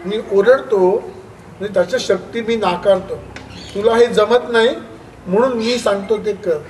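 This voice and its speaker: A man with a very high voice gives a public talk to parents at a school. He tells stories in a lively way and acts out the voices of parents and children. The mic sits far from him, and clear background noise runs under his voice. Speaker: education speaker. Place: school hall.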